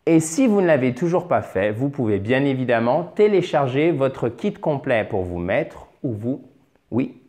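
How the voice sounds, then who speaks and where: A man's voice: medium pitch, darkish tone. Talkative male English teacher. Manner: patient, repeats and drills English words slowly; chatty asides, self-corrections. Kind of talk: French-language English lesson at a board.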